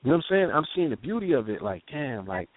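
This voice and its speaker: A man's voice: on the high side, sing-song, fast, no echo. Man on a tinny phone line. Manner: street slang, repeats "you know what I'm saying"; intense, vivid eyewitness retelling. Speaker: guest telling a personal story. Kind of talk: raw conversational storytelling.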